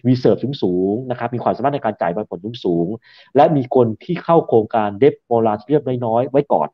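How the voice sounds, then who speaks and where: A man's voice: medium pitch, normal speed. Confident Thai man analyst, dull sound. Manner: confident, emphatic, mixes English finance terms. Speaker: securities analyst guest. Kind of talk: expert interview answers.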